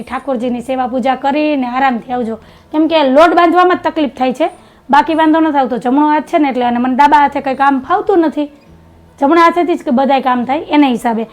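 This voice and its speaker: Chatty high-voiced woman vlogger. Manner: chatty, teasing, gives homespun advice. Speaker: family vlogger. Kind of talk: casual home vlog chat.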